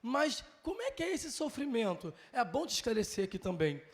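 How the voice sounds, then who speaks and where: A man's voice: very high voice, huge pitch swings, brisk. A man with a Brazilian Portuguese accent teaching a Sunday school Bible lesson, earnest, repeating key phrases and calling listeners brother.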